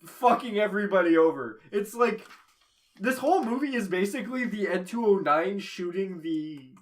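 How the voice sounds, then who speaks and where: A man's voice: high-pitched, lively intonation, normal speed, recorded from a distance. A man co-hosting a podcast, chatting casually about a film, laughing often and swearing freely. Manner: laughs often, loose and profane. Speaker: podcast co-host. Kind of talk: casual movie chat.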